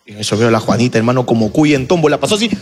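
A young man telling a story in casual chat, profane and animated, acting out scenes. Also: medium pitch, very fast, slight background noise. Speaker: podcast co-host telling a story.

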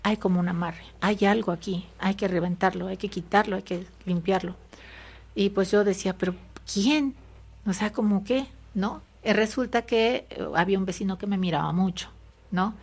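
With a husky, mid-range voice, a Mexican woman being interviewed shares a personal story at a normal speed and steady tone. She's hesitant, with frequent fillers and tag questions, and her accent is Mexican Spanish.

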